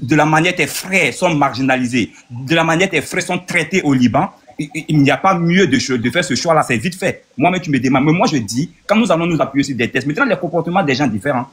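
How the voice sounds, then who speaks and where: A man's voice: on the high side, lively intonation, fairly bright tone. A man in his thirties from Burkina Faso, arguing earnestly and point by point in a debate. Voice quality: husky. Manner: earnest, rapid, reasoning point by point. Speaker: debate participant. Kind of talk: heated debate argument.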